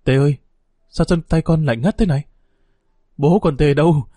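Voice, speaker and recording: A man's voice: fairly high pitch, moderate pace, dark tone, dry recording, studio quality, lightly acted. A man doing a frantic grieving mother. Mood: anxious. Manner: pleading, distraught.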